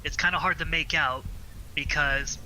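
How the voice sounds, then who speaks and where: A man narrating a tabletop game as game master in a relaxed, searching way with fillers. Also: on the high side, moderate pace, poor audio. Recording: faint ambient noise.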